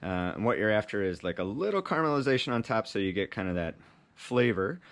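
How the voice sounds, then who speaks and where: A cycling vlogger in his forties, with a lowish, sing-song voice, talks fast and loosely to the camera, poking fun at himself as he cooks at home and then rides his road bike outdoors. The dry audio comes from an action camera mounted on the bike or held close, with music playing underneath.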